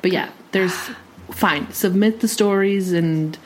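A woman's voice: fairly low pitch, takes it slowly, slight background noise, poor audio. A woman co-hosting a casual podcast with her sister, teasing and laughing often. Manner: giggly, teasing, animated. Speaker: podcast co-host. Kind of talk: casual chat.

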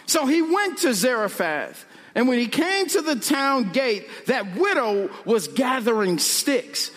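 A pastor preaching a humorous, conversational sermon, slowing down and building to shouts on key points. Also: male voice, very high-pitched, big pitch swings, in a large hall.

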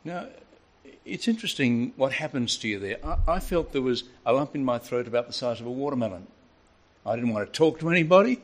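Older male preacher, mid-range voice, storytelling sermon with lively swings in tone. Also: mid-range voice, a little fast. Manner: storytelling, lively and varied delivery.

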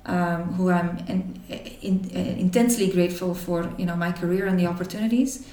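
A woman in her forties from Belgium, telling her life story to an interviewer in a thoughtful way, with many pauses and restarts. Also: fairly low pitch, steady tone, warm tone, reverberant, far from the mic. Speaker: interview guest. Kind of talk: reflective personal storytelling.

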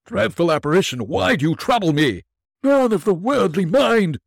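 A sour old miser trying to sound dismissive while his nerve fails, his words clipped and dry, as a male reader acts him out. The voice swings widely in pitch from grumbling lows to anxious highs. It sits close and dry on the mic. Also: big pitch swings, moderate pace, husky, no echo. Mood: terrified. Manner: dry, clipped retorts turning pleading. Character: miserly old man, wry but frightened. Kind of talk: storybook reading.

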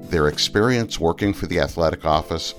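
Deep-voiced man in his sixties hosting. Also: a little fast, faint music behind. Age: 60s. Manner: playful, teasing his guests. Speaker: podcast host. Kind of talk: podcast interview with a scripted intro.

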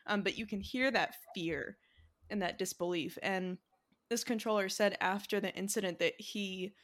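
A woman hosts a laid-back podcast, her voice at a middle pitch. She talks in a chatty, easygoing way, with frequent likes and ums. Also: fairly even intonation, normal speed, a bit bright. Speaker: podcast host. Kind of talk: casual podcast chat.

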